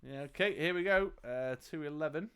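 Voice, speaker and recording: A man's voice: on the high side, brisk, a bit bright, clear, resonant tone. A man reading a fantasy gamebook aloud as game master, laughing and joking between passages. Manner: laughs often, jokes between read passages.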